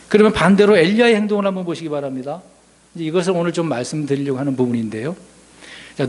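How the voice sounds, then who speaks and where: A man preaching a sermon as pastor, asking the congregation questions and swinging from loud emphasis to hushed asides. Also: fairly high pitch.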